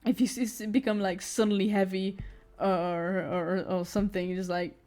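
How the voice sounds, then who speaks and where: With a mid-range, slightly mellow voice that barely shifts in pitch, a young woman talks at normal speed while streaming her drawing. She chats loosely, laughing a lot and stammering through restarts and fillers.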